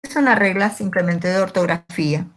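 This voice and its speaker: A woman's voice: lowish voice, fairly quick. A woman teaching English grammar step by step, patiently asking questions and answering them herself. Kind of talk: slow, step-by-step grammar lesson.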